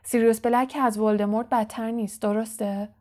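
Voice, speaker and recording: A woman voicing an earnest teenage boy in an audiobook, speaking quickly and quietly. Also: on the high side, little pitch movement, natural voice. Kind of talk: audiobook character voice.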